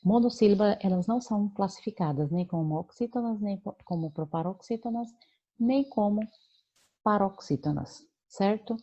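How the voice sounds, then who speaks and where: A woman's voice: medium pitch, moderate pace, warm tone, dull audio. A Brazilian woman teaching a remote lesson, explaining patiently with many fillers and check-ins to her students. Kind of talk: remote lesson correcting homework.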